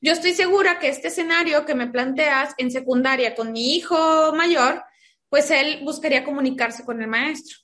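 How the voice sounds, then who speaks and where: A woman, a mother, giving an interview and explaining her parenting views through lively anecdotes. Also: high-pitched, moderate pace. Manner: lively anecdotes, acts out quoted dialogue. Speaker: guest, a mother of school-age children. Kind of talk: conversational interview storytelling.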